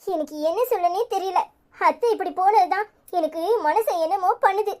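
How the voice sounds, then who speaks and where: A woman's voice: very high voice, normal speed. A woman voicing a hot-tempered, anxious young wife in a cartoon, with a Tirunelveli Tamil accent and a scolding, fretful way of talking. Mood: worried.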